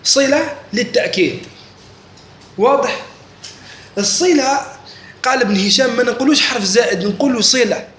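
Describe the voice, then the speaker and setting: A religious teacher speaks at a moderate pace in a very high, slightly bright voice, leaving long pauses. Throughout the classroom lesson he asks students questions to make sure they follow. It's recorded in an echoey room with faint noise.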